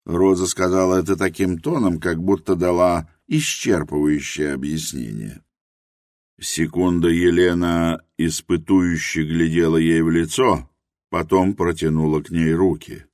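A man narrating an audiobook in an expressive, literary reading. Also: deep voice, unhurried, no echo, studio quality.

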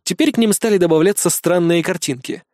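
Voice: medium pitch, a little fast, a little mellow, dry recording, studio quality. A reader narrating a first-person adventure story in a sardonic storytelling manner. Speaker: audiobook reader.

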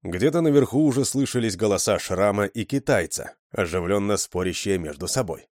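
A man narrating an adventure audiobook in a steady storytelling manner. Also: fairly low pitch, brisk, dry recording, clean studio sound. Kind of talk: scripted narration.

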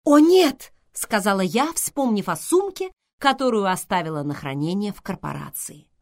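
A woman narrating a first-person audiobook in an expressive, unhurried way. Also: mid-range voice.

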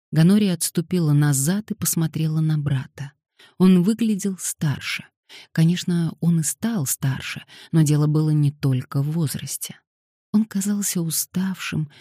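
A woman narrates an audiobook in a steady storytelling voice. Her tone is low and dark, and the recording is close and dry. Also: no room sound. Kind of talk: scripted narration.

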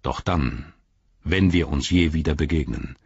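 A man's voice: very deep voice, a little slow, creaky, darkish tone, husky, muffled recording, full character voice. A man voicing a stern, commanding old human king in an audiobook reading.

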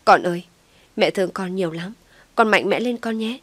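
A woman's voice: medium pitch, moderate pace, a bit bright, no echo, close to an everyday voice. A woman voicing an older mother who speaks in a tearful, tender way.

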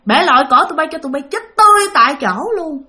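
A woman's voice: very animated, moderate pace, bright, forceful tone, heavily acted. A woman voicing a possessed old woman, menacing and shrieking threats. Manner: shrill, taunting, threatening.

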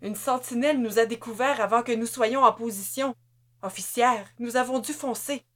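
A woman's voice: fairly high pitch, normal speed, pitched above the performer's own voice, lightly acted. A woman voicing a nervous male soldier who stammers out his excuses.

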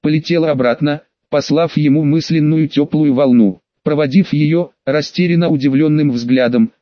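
A man reading a fantasy audiobook in measured scripted narration. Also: fairly high pitch, no room sound. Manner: measured storytelling. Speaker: audiobook reader. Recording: dull, dry lo-fi recording.

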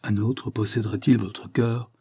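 A man voicing a stern, blunt older earl who questions pointedly, in a husky voice. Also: fairly low pitch, fairly even intonation, normal speed, warm tone. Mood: stern, probing. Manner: pointed, questioning, rising emphasis.

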